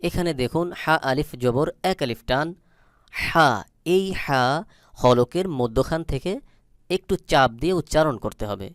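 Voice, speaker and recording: A man with a Bangladeshi Bengali accent teaching Quran recitation, spelling out syllables slowly and deliberately and repeating them. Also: mid-range voice, animated, smooth, no echo, clean studio sound.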